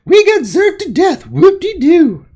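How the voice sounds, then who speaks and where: A woman putting on a high, squeaky voice for a sarcastic young gamer woman reading out chat. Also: sing-song, unhurried, warm tone, heavily acted. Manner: sarcastic, mocking.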